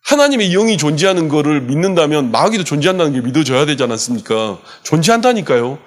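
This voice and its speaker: A male pastor preaching a sermon in a church, with impassioned delivery that swings from loud urgency to hushed softness. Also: on the high side, big pitch swings, fast talker. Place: church sanctuary.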